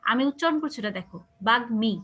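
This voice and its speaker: A woman's voice: high voice, expressive, quick pace, a bit bright, muffled recording. A woman teacher explaining a grammar lesson to her class, patiently asking whether they follow. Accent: Bangladeshi Bengali. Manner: explains patiently, asks checking questions. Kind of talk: online class lecture.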